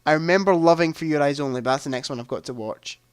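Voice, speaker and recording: A man's voice: a little high, fast talker, smooth, no room sound, clean studio sound. A man hosting a live movie quiz stream, chatting casually, thinking aloud and making self-deprecating asides.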